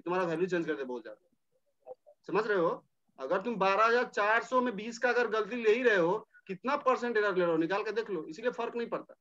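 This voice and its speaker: A man's voice: sits high, brisk, a bit bright. A man teaching a casual chemistry class, talking students through problems and repeating numbers as he works. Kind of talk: informal chemistry lecture. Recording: dull lo-fi audio.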